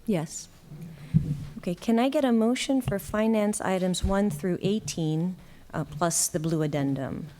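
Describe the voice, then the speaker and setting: A woman chairing a school board meeting, calling for motions and questions in a brisk procedural way. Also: medium pitch, dark tone.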